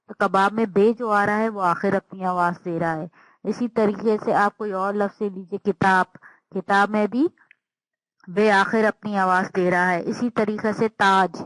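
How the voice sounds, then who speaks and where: A woman teacher giving a slow, patient language lesson, sounding out words and repeating them. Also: medium pitch, no echo, poor audio.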